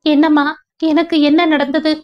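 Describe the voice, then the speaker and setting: A woman's voice: high voice, steady tone, unhurried, voice pushed up. A woman voicing a young pregnant woman, grief-stricken and furious, speaking in a distraught, accusing way. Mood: panicked. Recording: dull lo-fi recording.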